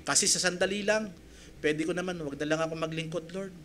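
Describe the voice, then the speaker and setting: High-voiced Filipino pastor preaching. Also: male voice, a little fast, a little hiss or hum. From Philippines. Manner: emotional storytelling that acts out his own prayers; rising to loud emphatic appeals. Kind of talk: sermon with personal testimony. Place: church.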